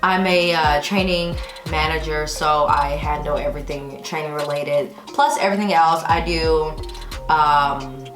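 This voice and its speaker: A thirtysomething American vlogger from Texas answers questions to camera in a relaxed, chatty way on YouTube. Her low voice keeps a fairly even intonation and a measured pace, recorded with roomy echo and background music.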